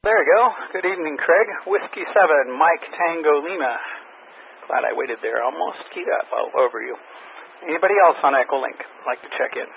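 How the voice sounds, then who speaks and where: Gravelly man heard over static-laced radio. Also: fairly high pitch. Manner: reads call signs slowly in phonetic alphabet, orderly. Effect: heard over a two-way radio with static. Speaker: amateur radio net control operator. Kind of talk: running a ham radio check-in net. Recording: tinny radio transmission with faint static.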